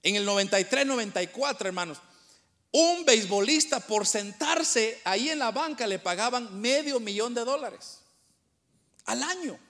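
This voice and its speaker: A man preaching a sermon as pastor, calling his listeners brothers, emphatic with quick asides. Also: extremely high pitch, expressive, bright, forceful tone.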